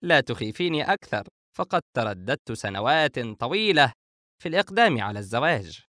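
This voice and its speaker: A man's voice: mid-range voice, big pitch swings, a little fast, bright, forceful tone, no echo, clean studio sound. A man voicing a joking, teasing grown brother in an audiobook. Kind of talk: audiobook character voice.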